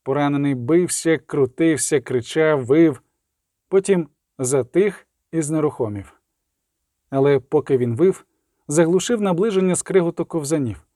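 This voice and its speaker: Guy reading an audiobook, warm mellow voice, dry close sound. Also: a little high, unhurried, dry recording. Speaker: audiobook narrator. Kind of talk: scripted narration.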